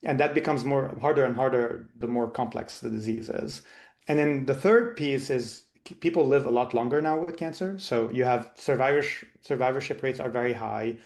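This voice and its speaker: A man's voice: medium pitch, moderate pace, a little mellow. A man in his thirties, born and raised in Lebanon, answering interview questions as a physician guest in a thoughtful way with many restarts. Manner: thoughtful, frequent restarts and repeated words.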